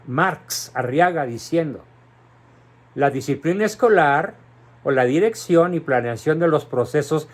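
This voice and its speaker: A man gives an indignant, emphatic political commentary, speaking deliberately to an audience. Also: a little high. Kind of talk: polemical commentary.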